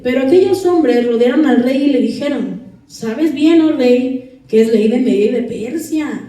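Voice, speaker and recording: A woman's voice: sits high, mellow, reverberant, far from the mic, poor audio. A woman preaching a sermon, reading scripture aloud and questioning the congregation.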